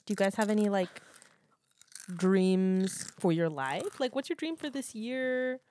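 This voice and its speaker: A woman in her twenties co-hosting a podcast, chatting casually with teasing quick asides. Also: medium pitch, lively intonation, darkish tone, a little hiss or hum. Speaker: podcast co-host. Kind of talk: casual chat.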